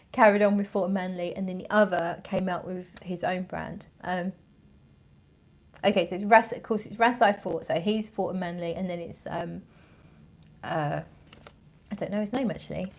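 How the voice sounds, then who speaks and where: A woman's voice: medium pitch, moderate pace, darkish tone. A woman hosting a casual livestream as a fragrance reviewer, thinking aloud in a rambling, conversational way and searching for her words.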